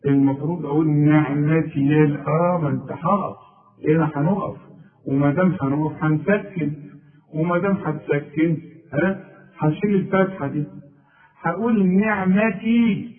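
A man with an Egyptian Arabic accent teaching a Quran recitation lesson, patiently drilling letters and stretching words slowly to show the rules. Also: a little high, far from the mic. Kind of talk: tajweed lesson. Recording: tinny phone-like audio from afar.

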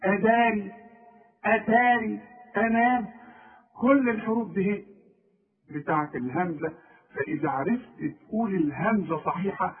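High-voiced Egyptian man teaching, tinny. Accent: Egyptian Arabic. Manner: drilling, repeats examples, quizzes the listener directly. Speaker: Quran recitation teacher. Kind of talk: informal spoken lesson. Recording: tinny phone-like recording.

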